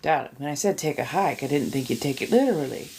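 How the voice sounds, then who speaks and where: Lilting, low-voiced woman chatting on livestream. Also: expressive, fast talker, a little mellow, a little hiss or hum. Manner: theatrical, effusive, with affectionate pet-name greetings; eating and sipping while talking. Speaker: livestream host. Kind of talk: casual livestream chat to viewers.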